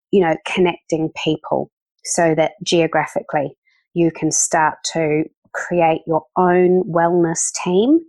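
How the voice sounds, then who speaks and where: A woman's voice: on the low side, darkish tone, no echo. A woman, an event organizer chatting enthusiastically as a podcast guest, with many fillers. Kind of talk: casual interview talk.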